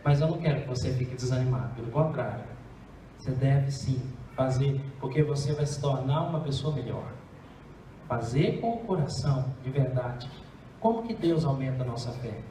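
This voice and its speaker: Brazilian man, pastor, emphatic sermon, rhetorical questions, booming church reverb, faint background noise. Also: normal speed, mellow. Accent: Brazilian Portuguese. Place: church sanctuary. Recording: echoey church hall, distant mic.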